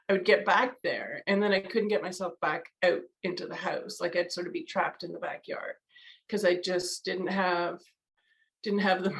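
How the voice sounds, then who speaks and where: A woman's voice: fairly low pitch, creaky, low-quality recording. A woman from Canada, a guest in a casual interview, candid and conversational with many fillers. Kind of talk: casual video-call interview.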